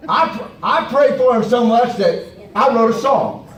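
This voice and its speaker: A man playing a bumbling high-voiced preacher. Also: lively intonation, moderate pace. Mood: earnest. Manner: rambling, stumbling over words, comically indignant. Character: bumbling excitable male traveling preacher. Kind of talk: live comedy sketch. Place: stage before a live audience. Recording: echoey hall from far off, audience.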